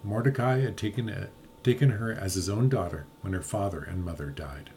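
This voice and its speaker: A man's voice: deep voice, a little fast, darkish tone. Man, easygoing Bible study reader, laughs a lot, faint hiss behind. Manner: laughs often, stumbles over names. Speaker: podcast co-host reading scripture. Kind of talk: casual Bible study chat with reading aloud.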